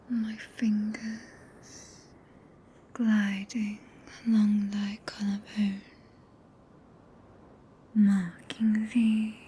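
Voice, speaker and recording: A British woman voicing a tender, possessive, regal witch in a breathy, intimate whisper for an ASMR roleplay, speaking archaic English close to the microphone. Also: fairly high pitch, a little hiss or hum. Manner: slow, hushed, intimate, solemn. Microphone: close binaural microphone.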